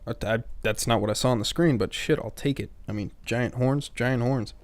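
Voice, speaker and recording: A man's voice: mid-range voice, normal speed. A young man casually commenting on a game as he plays, swearing freely and reading the story text aloud. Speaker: let's player.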